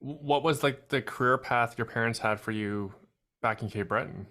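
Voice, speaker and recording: A man hosting a podcast interview, asking quick, playful follow-up questions in a casual chat. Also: mid-range voice, pushed and bright. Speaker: podcast host.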